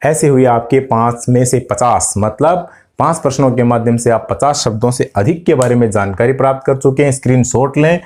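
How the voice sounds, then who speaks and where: Man as a grammar tutor with a warm, mellow tone, patiently walking students through corrections. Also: medium pitch, brisk, few pauses. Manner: explains step by step, asks students questions; addresses students directly. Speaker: Hindi grammar teacher. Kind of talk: exam-prep lesson.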